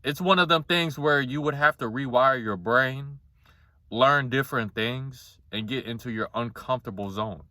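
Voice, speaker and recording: A man in his twenties with a somewhat monotone voice, talking casually and bluntly to the camera in a rambling, confessional way with some swearing. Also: medium pitch, moderate pace, no room sound, studio quality. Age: 20s. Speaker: vlogger.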